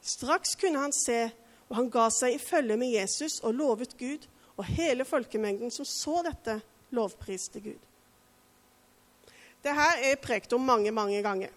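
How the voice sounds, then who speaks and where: A woman's voice: on the high side, in a large hall. A woman preaching a sermon in an earnest way, asking the listeners direct questions.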